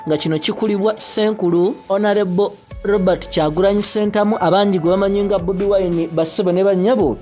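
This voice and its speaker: Ugandan male newsreader, high voice, emphatic delivery, faint music under it. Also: a little mellow. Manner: emphatic, repeats phrases for effect. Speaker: news presenter. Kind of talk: news bulletin voice-over.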